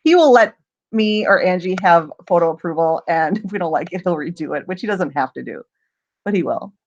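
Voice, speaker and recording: A woman's voice: fairly low pitch, expressive, fairly quick, darkish tone, dull audio. A woman hosting a casual livestream Q&A, chatty and rambling, often laughing as she talks. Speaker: livestream host.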